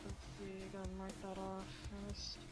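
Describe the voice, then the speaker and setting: A woman plays in a tabletop game and talks casually. She is blunt and profane, laughing between remarks. Her pitch sits in the middle, with loud music playing behind her. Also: monotone, moderate pace. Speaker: player.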